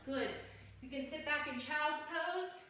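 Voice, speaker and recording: Female aerobics instructor, higher-pitched, encouraging cueing and counting, recorded off-mic in a very echoey home room. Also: takes it slowly, bright, forceful tone. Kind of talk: live home workout class instruction. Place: sunny room at home, indoors. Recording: very echoey room, distant mic, faint noise.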